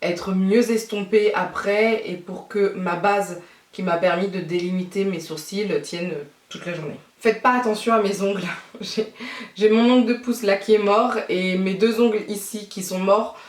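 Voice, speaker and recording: A young woman talks through her makeup step by step in a relaxed, chatty way, pausing often with little fillers as she thinks aloud. Her voice sits in a middle pitch. The sound has a noticeable room echo, as if recorded at home. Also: recorded from a distance. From France. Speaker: beauty vlogger. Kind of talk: casual makeup tutorial talk. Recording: echoey room.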